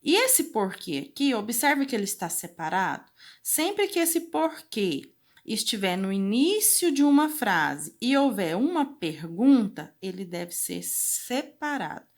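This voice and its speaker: Young teacher, female, lively intonation, deliberate dictating delivery. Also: mid-range voice. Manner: slow, emphatic dictation of punctuation marks. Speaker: Portuguese teacher. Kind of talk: explaining grammar in a video lesson.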